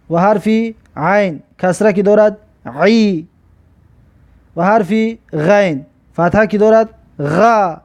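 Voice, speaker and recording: A man with a Tajik accent and a fairly high voice, teaching the Arabic alphabet in a recorded lesson. He works patiently through each letter, sounding it out slowly and repeating it again and again. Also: darkish tone.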